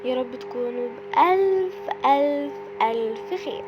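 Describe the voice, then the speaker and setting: A woman with an Egyptian accent giving casual, excitable commentary as she plays a game, often shrieking and exclaiming. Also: high-pitched, moderate pace, dull audio, music in the background. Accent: Egyptian Arabic. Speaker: gaming video creator.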